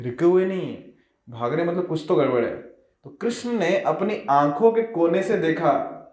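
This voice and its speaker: A man's voice: a little high, darkish tone. A man telling a devotional story in a sermon, expressively, with many rhetorical questions. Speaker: devotional speaker. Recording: roomy echo.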